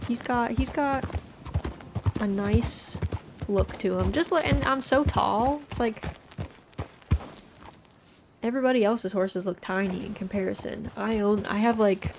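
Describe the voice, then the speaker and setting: A woman's voice: mid-range voice, measured pace, pauses often, background noise. An American woman chatting casually on a game livestream in a chilled, cozy way. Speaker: game streamer. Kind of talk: casual livestream chat over gameplay. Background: game music, horse hooves and animal sounds.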